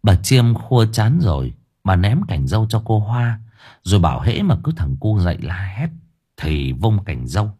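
A man narrating a ghost story in an expressive, lively storytelling manner. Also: sits low, breathy edge. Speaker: audiobook narrator.

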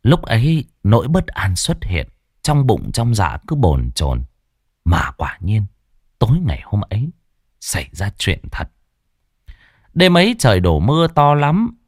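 A man's voice: on the low side, wildly swooping pitch, a little slow, no echo, clean studio sound. A man narrating a ghost story in a dramatic, scripted way. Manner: dramatic, swooping storytelling delivery. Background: faint background music.

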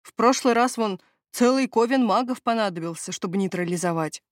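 A woman's voice: mid-range voice, fairly quick, no echo, lightly acted. A grumbling male castle steward who wheedles and dodges, always fretting about his own plans, read by a woman. He haggles rather than answers. The storybook sound is dry and close. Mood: complaining. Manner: whining, evasive, haggling. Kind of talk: audiobook character reading.

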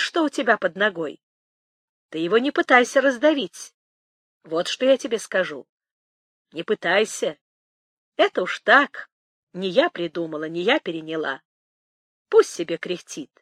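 A woman voicing an old village nanny, tender yet sly, crooning and lamenting in a lively, singsong way. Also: medium pitch, no echo, studio quality. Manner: crooning, lamenting, shifting to hushed whispers.

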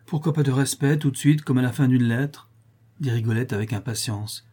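A man's voice: medium pitch, slightly rough, close to an everyday voice. A man voicing a playful, teasing young working girl who scolds her friend fondly. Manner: playful, scolding, bright and quick. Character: lively teasing young woman, a grisette.

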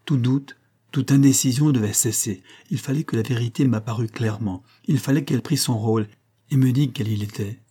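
Husky-voiced male audiobook narrator. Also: on the low side, dark tone. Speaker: audiobook reader. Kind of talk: first-person audiobook narration.

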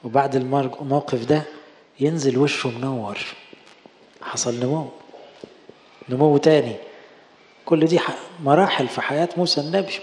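A man with an Egyptian Arabic accent, a priest preaching a sermon and telling the story with lively acted dialogue. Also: mid-range voice, moderate pace, pauses often, a little hiss or hum. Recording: echoey hall with long reverb.

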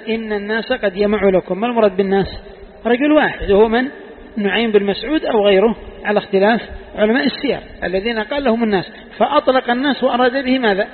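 A man teaching a Quran commentary lesson, asking his students questions and repeating the key phrases. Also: high voice. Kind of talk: classroom tafsir lesson. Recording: tinny lo-fi recording with long hall reverb.

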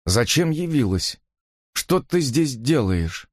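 A man's voice: medium pitch, very animated, slow pace, no echo, clean studio sound, voice pushed up. A man voicing a drunk, self-pitying clergyman who speaks in a sullen, slurred way in an audiobook reading. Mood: sullen slurring.

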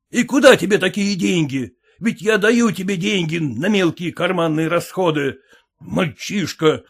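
A man voicing an irate middle-aged father who shouts in indignant outrage. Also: fairly high pitch.

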